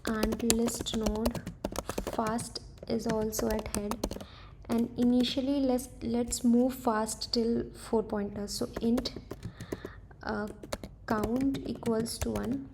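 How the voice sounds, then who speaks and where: A woman's voice: a little high, little pitch movement, slow, vocal fry, background noise. A woman thinking aloud as she works through a coding problem, hesitant and correcting herself as she goes. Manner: hesitant, tentative, self-correcting. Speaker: coding tutor.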